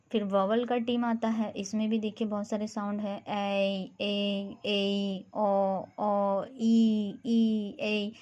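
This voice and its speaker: A woman teaching phonics to parents, explaining slowly and patiently and sounding out single letters. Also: on the high side, a little mellow, muffled recording.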